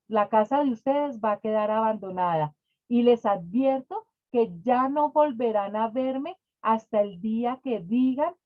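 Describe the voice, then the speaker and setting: A woman's voice: a little high, dry recording. A woman teaching a Bible study class, earnest and heartfelt, reading scripture aloud and explaining it to her students. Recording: dry, phone-like narrow sound.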